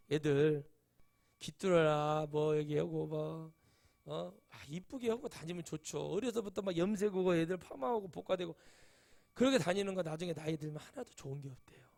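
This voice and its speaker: A man's voice: on the high side, vocal fry, a little mellow. A middle-aged male pastor giving a sermon, telling chatty stories and rising to emphatic exclamations. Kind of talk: sermon with anecdotes.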